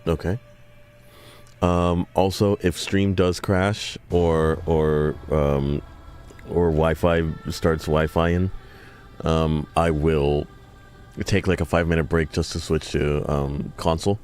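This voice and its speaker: Deep-voiced, rambling male streamer. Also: slow. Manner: rambling, lots of ums and uhs, excitable. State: tired voice. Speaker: game streamer. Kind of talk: casual live-stream chat.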